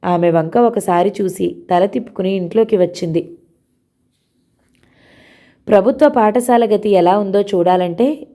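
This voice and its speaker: Woman reading a novel, mellow voice. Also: medium pitch. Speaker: audio novel narrator.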